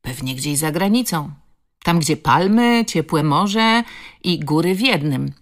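A woman's voice: low voice, animated, slow pace, exaggerated voice. A woman reading the part of a stout village woman trading gossip in a scandalized tone. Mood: gossipy.

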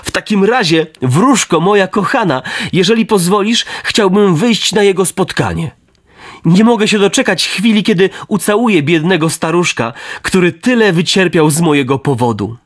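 A man's voice: high voice, slow pace, voice pushed up. A man voicing a naive, eager wooden puppet boy in a storybook reading.

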